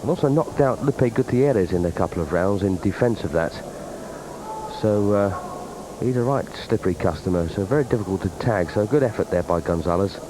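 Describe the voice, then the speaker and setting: A man's voice: on the low side, expressive, brisk. A man giving conversational boxing commentary. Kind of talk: conversational television fight commentary. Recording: clear background arena noise.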